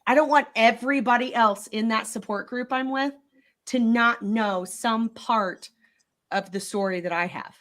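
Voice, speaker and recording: A woman's voice: a little high, measured pace, fairly bright tone. A woman hosting a podcast, talking through her views in a thoughtful casual discussion, often restarting her phrases. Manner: thoughtful, restarts phrases while building an argument. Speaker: podcast host.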